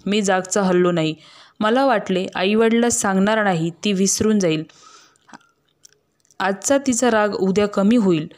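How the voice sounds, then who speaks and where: Woman storyteller, mid-height voice, steady measured read-aloud delivery, close mic. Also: medium pitch. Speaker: storyteller reading a classic novel aloud. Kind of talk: narration of a story.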